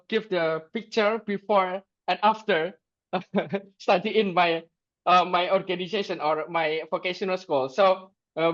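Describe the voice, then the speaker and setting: A man, giving a halting presentation on a video call, full of fillers and restarts. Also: high voice, fairly bright tone. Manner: hesitant, many fillers and restarts. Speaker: delegate presenting his school. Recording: muffled video call audio.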